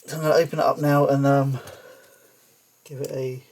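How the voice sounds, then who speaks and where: A man walks through a customizing tutorial in a relaxed, chatty way. His voice is a little husky and sits at an ordinary middle pitch. He keeps up a loose commentary, often half-muttering to himself as he concentrates. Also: brisk. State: holding his breath while painting. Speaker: hobbyist toy customizer. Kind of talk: casual tutorial talk.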